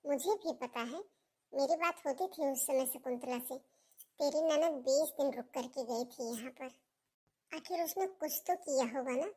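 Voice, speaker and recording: A woman playing an older aunt who gently admonishes her niece-in-law in a family melodrama. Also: high voice, moderate pace, close to an everyday voice. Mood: admonishing. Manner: calm, admonishing. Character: older aunt, calm, mildly reproachful.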